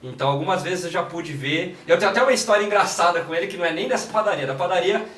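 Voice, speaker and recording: A man with a São Paulo accent, a guest in a casual interview, telling stories in a relaxed way with many "né" fillers. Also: high voice, rapid-fire. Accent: São Paulo Portuguese. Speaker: guest, creative director and videomaker. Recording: echoey room, distant mic, faint noise.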